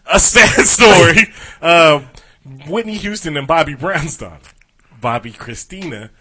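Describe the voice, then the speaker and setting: Bright high-voiced man, teasing chat. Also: measured pace. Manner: laughing, teasing, reads news items aloud. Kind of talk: casual banter.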